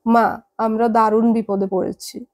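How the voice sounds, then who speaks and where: A woman voicing a calm young adult daughter who reasons patiently with her parents. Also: a little high, measured pace, lightly acted. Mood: patient, reasoning.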